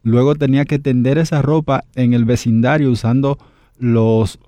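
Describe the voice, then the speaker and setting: A man's voice: mid-range voice, steady tone, normal speed, dark tone, dry recording. A middle-aged man from the Republic, a radio guest telling memories in a thoughtful, hesitant way with many fillers. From Dominican Republic. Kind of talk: reflective interview storytelling.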